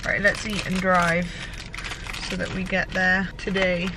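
A woman's voice: on the low side, level tone, unhurried, background noise. A woman in her twenties, hungover and groggy, chatting casually to her camera as she vlogs, self-mocking and often dropping to murmurs and whispers. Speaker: lifestyle vlogger. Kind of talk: casual vlog chat to camera.

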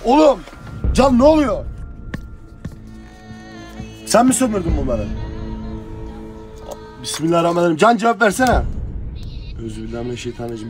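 A young man on a night ghost-hunting vlog, frightened and pleading, muttering prayers under his breath. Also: sits high. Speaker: treasure-hunting vlogger. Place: abandoned village outdoors at night.

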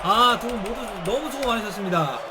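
A man giving excited live commentary on a football video game, with shouted bursts at big plays and casual slang. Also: high voice, brisk. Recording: stream with game music and crowd noise.

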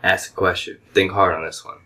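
A man's voice: deep voice, flat delivery, brisk, bright, forceful tone, pitched below the performer's own voice. A man voicing a casual, dismissive God in a comedy podcast, blunt and slangy. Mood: exasperated.

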